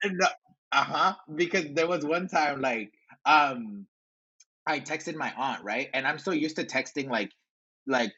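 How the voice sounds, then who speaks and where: A young man from Virginia with Honduran and Salvadoran roots chats as a podcast guest. His voice is husky yet bright, and he tells stories animatedly, mixing English and Spanish. The audio has a dull, lo-fi edge. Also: on the high side, unhurried. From Honduran Salvadoran American from Virginia. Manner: animated storyteller, laughs often, switches between English and Spanish. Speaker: podcast guest, content creator. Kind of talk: casual conversational interview.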